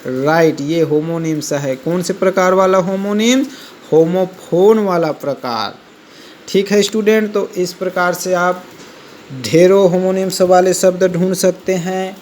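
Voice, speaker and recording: Guy teacher going over vocab, kinda high voice, says every word twice n spells it out, slight hiss in the background. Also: darkish tone. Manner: explains slowly, repeating words and spelling them out. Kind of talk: classroom vocabulary lesson.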